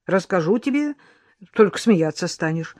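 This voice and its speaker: A reader voicing a stubborn, secretive young maid who snaps and teases in drawn-out, raised phrases, in an audiobook. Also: medium pitch, lively intonation, no room sound, studio quality, natural voice. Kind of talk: audiobook character voice.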